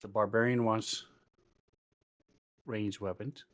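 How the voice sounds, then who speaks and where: Low-voiced man running a tabletop game. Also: steady tone, takes it slowly, fairly bright tone. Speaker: game master. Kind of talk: casual tabletop game chat.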